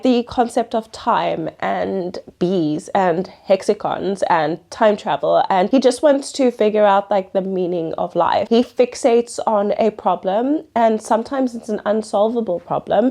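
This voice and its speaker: A woman's voice: mid-range voice, warm tone. A young woman with a slightly stuffy nose and sore throat from being sick, chatting casually and emphatically in a rambling book vlog. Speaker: book vlogger.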